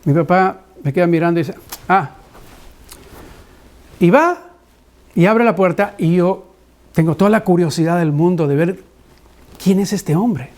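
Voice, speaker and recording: A man preaching a sermon, a pastor who tells a personal story with lively acted-out dialogue and frequent restarts. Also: high voice, unhurried, pauses often.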